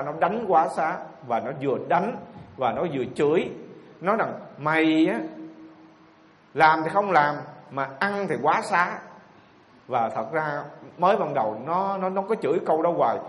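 A man's voice: on the high side, natural voice. A man reading out, in the first person, the plaintive story of a grieving elderly mother-in-law. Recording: echoey hall with faint ambience.

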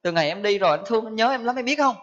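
A man's voice: sits high, lively intonation, rapid-fire, fairly bright tone. A man voicing a grieving old father who pleads in tearful lament, on a dull lo-fi recording. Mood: pleading. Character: grieving old father missing his children.

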